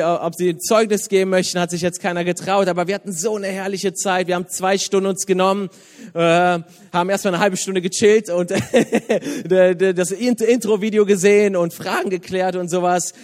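A man's voice: high voice, long reverb tail. A man in his thirties, a youth pastor, giving a casual, joking sermon in church. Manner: chatty, joking, lively, laughs often. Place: church hall.

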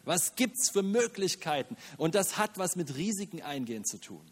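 A man preaching a sermon in German, animated, with rhetorical questions, self-mocking asides and frequent "Amen". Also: high voice, moderate pace, slightly rough, in a large hall. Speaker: pastor.

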